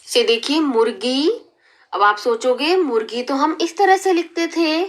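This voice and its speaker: Lady teaching little kids, slow and patient, stretches out syllables and keeps checking they follow. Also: sits high, lively intonation. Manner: drawn-out syllables, frequent rising "theek hai" checks. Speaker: primary school teacher. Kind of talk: slow, clear class lesson for young children.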